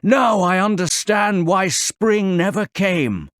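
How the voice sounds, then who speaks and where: A man voicing a gruff, selfish male giant in a storybook reading, speaking slowly and heavily. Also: high-pitched, animated, fairly bright tone, dry recording, studio quality, voice pushed up, heavily acted. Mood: remorseful.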